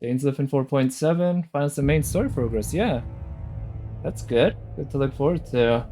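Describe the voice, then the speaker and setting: Speaking at a normal speed in a mid-range voice, this man casually narrates a video game live, musing aloud and frequently questioning what's on screen. The game's music is loud in the background.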